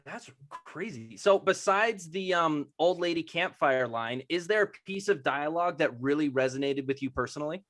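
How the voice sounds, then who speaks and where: Lively, bright-voiced panel host. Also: medium pitch, normal speed, hardly any pauses. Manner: upbeat, introducing guests one by one. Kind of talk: moderating a cast reunion panel.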